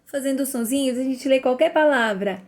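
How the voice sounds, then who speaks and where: A woman giving a children's reading lesson, sounding out letters slowly and praising the listener. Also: sits high, darkish tone. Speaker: literacy teacher. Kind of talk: slow phonics lesson for children.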